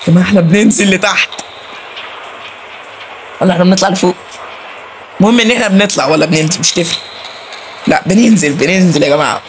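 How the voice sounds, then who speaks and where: Fast-talking Egyptian man, nervous gamer. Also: high voice, slight background noise. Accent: Egyptian Arabic. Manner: nervous chatter, pleads with the game character. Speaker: gaming channel host. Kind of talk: let's play commentary.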